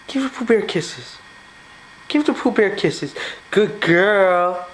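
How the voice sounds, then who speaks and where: A woman's voice: mid-range voice, expressive, slow pace, a little hiss or hum, poor audio. A woman coaxing a small child in sing-song baby talk, heard through old camcorder audio. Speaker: parent filming a child. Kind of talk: home video baby talk.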